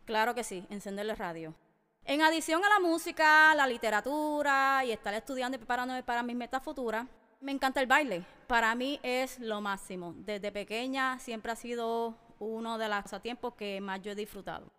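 Speaking at a normal speed, a Puerto Rican woman in her thirties hosts a personal podcast monologue, addressing listeners directly and emphatically. Her voice sits on the high side and sounds pushed, bright, clear and resonant. A long, reverberant hall echo colors the recording.

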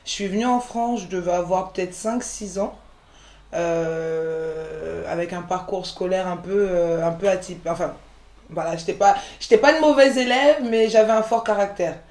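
This guest is a chef and entrepreneur from the Ivory Coast, a woman in her forties, recorded in an echoey room for a candid, conversational interview. She has a lowish, darkish voice at a moderate pace, and her frank, rambling talk is full of fillers and restarts.

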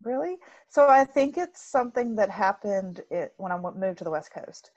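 A woman from the American South co-hosting a podcast in casual chat, animated and quick with laughing asides. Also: medium pitch, dull audio. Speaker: podcast co-host.

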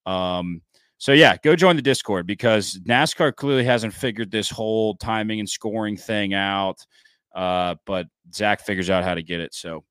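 A young man hosting a casual podcast, excitable and loud, rambling and swearing freely. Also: lowish voice, moderate pace, clear, resonant tone, no room sound, studio quality. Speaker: podcast host.

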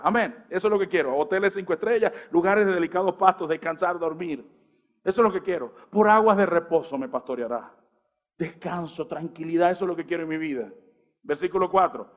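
A pastor in his forties preaches with lively energy and keeps asking his listeners rhetorical questions. His voice sits high for a man. The recording sounds dull and muffled. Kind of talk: sermon.

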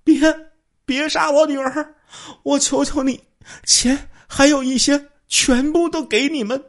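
A man's voice: extremely high pitch, fairly even intonation, measured pace, pitched above the performer's own voice. A man voicing a pleading frightened woman.

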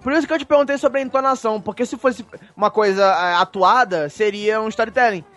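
A man's voice: high-pitched, fast talker, fairly bright tone, soft background music. A man co-hosting a casual podcast chat, rambling with frequent stammered restarts. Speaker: podcast co-host.

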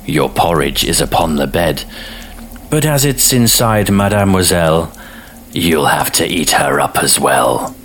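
A man voicing a big father bear in a storybook poem, calm and unhurried. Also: extremely low pitch, heavily acted. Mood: matter-of-fact.

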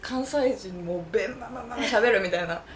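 A woman co-host tells stories in an animated, chatty way, her voice a little high for a woman. The room around her rings noticeably, and faint background noise sits under her talk. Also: quick pace. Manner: animated storyteller, full of casual asides. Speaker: podcast co-host. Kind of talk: casual chat. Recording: roomy.

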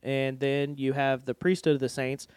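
A man's voice: mid-range voice, little pitch movement, moderate pace, darkish tone, smooth, no room sound. A man in his thirties hosting a casual faith podcast from a basement studio, laughing often and explaining at length. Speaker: podcast host.

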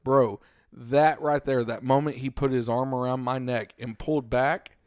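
A middle-aged man co-hosting a casual podcast, telling stories in an animated way and calling his friend "bro" and "dude" a lot. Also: mid-range voice, normal speed, no echo, clean studio sound. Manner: animated storytelling, says "bro" and "dude" often. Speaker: podcast co-host. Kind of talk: casual chat.

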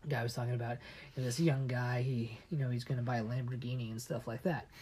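A man co-hosting a casual chat podcast, telling stories in a halting way full of restarts and often dropping his voice low and conspiratorial. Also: steady tone, dark tone, slight background noise. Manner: halting storyteller with many restarts. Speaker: podcast co-host.

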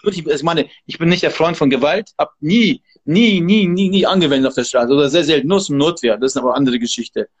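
High-voiced, emphatic martial arts trainer. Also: male voice, quick pace, hardly any pauses, breathy edge. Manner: emphatic, motivational, preachy. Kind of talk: casual interview talk.

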